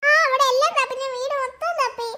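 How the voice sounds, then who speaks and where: Someone voicing a whiny little girl, squeaky. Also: fairly even intonation, fast talker, pushed and bright, slight background noise, exaggerated voice. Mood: pleading. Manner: whiny, pleading. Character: little girl, weepy and stubborn. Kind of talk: cartoon voice acting.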